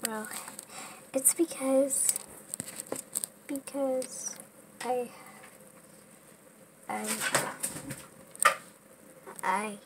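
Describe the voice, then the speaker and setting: A woman voicing a heartbroken teenage daughter who talks in a whiny, halting way, often half-whispered, in a homemade toy figure film. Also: high-pitched, exaggerated voice. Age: teen. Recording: home recording with steady background noise.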